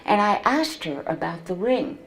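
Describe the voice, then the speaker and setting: A woman in her seventies, a memoir author reading from her book and telling her story to an audience in a slow, measured way. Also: mid-range voice, lively intonation, a little hiss or hum, rough recording. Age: 70s.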